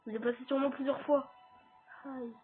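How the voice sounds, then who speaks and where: Over faint music, a gaming YouTuber with a French accent talks straight to his viewers in casual let's-play commentary while he plays. His delivery is flat and fairly quick, the pitch extremely high, and the audio tinny like a phone.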